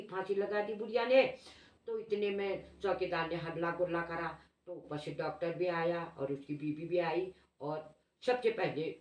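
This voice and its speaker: A woman with a low voice tells a moral tale off the cuff, restarting phrases as she goes. She sounds distant from the microphone, in a roomy, echoey space. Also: darkish tone, highs cut off. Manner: unscripted telling with frequent restarts. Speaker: storyteller, vlog host. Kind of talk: oral storytelling of a moral tale. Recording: roomy echo, distant mic.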